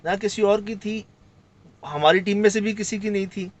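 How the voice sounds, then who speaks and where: A man from Sindh telling a story in casual conversation, acting out the lines of the people in it. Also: high-pitched. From Sindh, Pakistan. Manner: animated, acts out quoted lines. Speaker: guest recounting a field trip.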